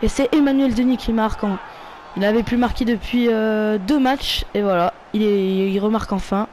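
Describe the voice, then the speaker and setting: A man with a French accent giving casual play-by-play commentary of his football video game, calling out player names and getting loud when a goal comes. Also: high voice, normal speed, a little hiss or hum. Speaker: gaming YouTuber.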